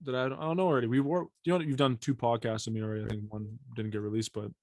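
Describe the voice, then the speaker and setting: Podcast host, man in his twenties, mid-pitched, quick and relaxed, dry sound. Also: no echo. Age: 20s. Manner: laid-back, quick questions and reactions. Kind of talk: casual chat.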